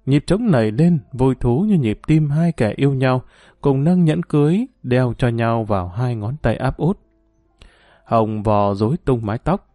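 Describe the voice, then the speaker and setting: A man narrating a story in a measured, emotive reading. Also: mid-range voice, warm tone, dry recording, clean studio sound. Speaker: audiobook narrator.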